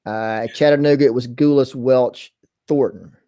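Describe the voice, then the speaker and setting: A man's voice: medium pitch, fairly even intonation, unhurried, dark tone. A man co-hosting a casual talk show, adding facts and corrections in a matter-of-fact way. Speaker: co-host. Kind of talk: casual chat.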